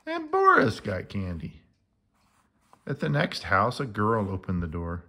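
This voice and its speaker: A man reading a children's storybook aloud in an animated, expressive way. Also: on the low side, unhurried.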